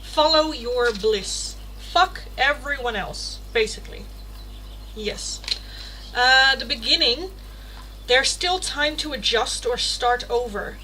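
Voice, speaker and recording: Speaking slowly in a high, bright, forceful voice, a Dutch-accented young woman from the Netherlands reads oracle cards aloud on her livestream. She's a chatty tarot reader who laughs a lot and swears casually; the low-quality recording has slight background noise.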